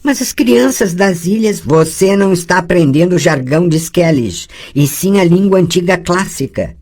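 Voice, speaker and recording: A reader putting on a calm, teasing sorceress from an audiobook, speaking softly and a little lower than usual. Her pitch swings in a lively way as she corrects her young pupil with patience. The feel is a gentle storybook scene. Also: moderate pace. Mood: instructive. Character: patient adult sorceress woman, teasing teacher. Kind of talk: audiobook dialogue reading.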